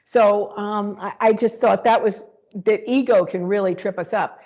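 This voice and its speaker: Woman co-host, casual spiritual chat, meandering and reflective, full of restarts; medium pitch, dull recording. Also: fairly even intonation, normal speed, a little mellow. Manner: rambling, reflective, with many fillers and restarts. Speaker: co-host of a spiritual talk show.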